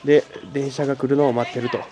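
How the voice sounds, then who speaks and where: Rapid-fire delivery with little pitch movement marks this mid-range male voice, with noise in the background. He's a travel vlogger from Japan narrating a handheld video outdoors at a migrant shelter by railway tracks, chatting upbeat in simple Spanish and English.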